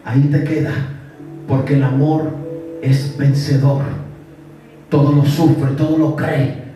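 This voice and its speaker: A male pastor from Colombia preaching a fervent sermon, dropping low and soft, then rising to shouted calls for praise. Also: little pitch movement, takes it slowly. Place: church sanctuary. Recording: echoey church from far off with music. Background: music.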